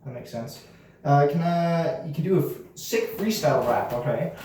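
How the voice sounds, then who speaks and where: A young man playing a blunt, deadpan interviewer. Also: a little high, normal speed, a little hiss or hum, close to an everyday voice. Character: blunt, easily swayed young male interviewer. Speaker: interviewer in a comedy sketch. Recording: very echoey room, mic far off.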